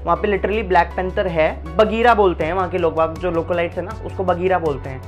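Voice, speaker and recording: A young man tells a story in a relaxed, conversational vlog style, slangy and full of asides and fillers. Faint music sits quietly behind his voice. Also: sits high, a little fast. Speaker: vlogger. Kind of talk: casual storytelling.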